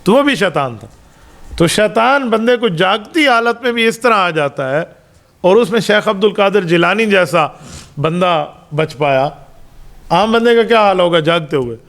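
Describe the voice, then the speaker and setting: Male mufti, middle-aged, high voice, emphatic storytelling Quran lesson. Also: expressive, fairly bright tone. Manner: storytelling, acts out quoted dialogue; explanatory, emphatic. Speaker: mufti, Islamic preacher. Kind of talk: Ramadan Quran lesson sermon.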